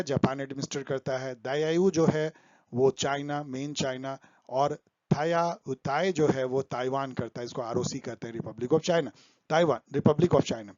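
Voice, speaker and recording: A man's voice: mid-range voice, a little mellow, no echo, muffled recording. A man explaining current affairs for exam students over slides, mixing English terms into his talk. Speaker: exam tutor.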